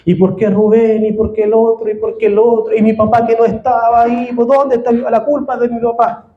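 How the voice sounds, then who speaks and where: Brief: man doing a self-pitying young prisoner, plaintive and complaining, high mellow voice, echoey church. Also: little pitch movement, a little fast, narrow, tinny audio. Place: church hall.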